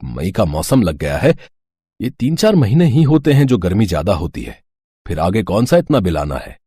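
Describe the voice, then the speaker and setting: Cartoon husband, middle-aged, calm and lively-voiced, a man acting it. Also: sits low, normal speed, husky, no echo, full character voice. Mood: easygoing.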